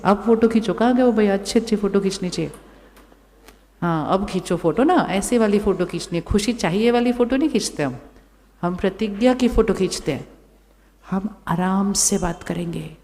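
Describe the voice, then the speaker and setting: A woman giving a calm spiritual talk to a live audience. She keeps asking the crowd questions and repeats her phrases. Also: medium pitch. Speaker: spiritual speaker. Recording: long hall reverb.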